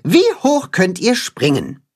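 A man voicing a clever cat-hen who leads the farm animals, giving orders in a brisk, raised voice in a storybook reading. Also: high-pitched, huge pitch swings, voice pushed up, full character voice. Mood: commanding. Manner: brisk, commanding. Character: clever cat-hen, bossy little leader.

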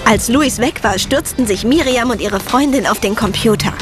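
A woman's voice: fairly high pitch, moderate pace, close to an everyday voice. An actress voicing a teenage girl who narrates her own story in a wry manner. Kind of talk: dubbed series narration. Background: music.

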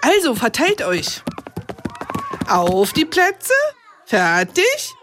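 A woman's voice: fairly high pitch, very animated, very slow, exaggerated voice. A woman playing a caring, good-humoured kindergarten teacher in a children's radio comedy. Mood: upbeat.

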